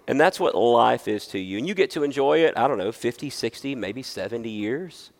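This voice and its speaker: A man's voice: medium pitch, expressive, a little fast, gravelly. A man preaching a sermon as pastor, earnest and putting questions to his listeners.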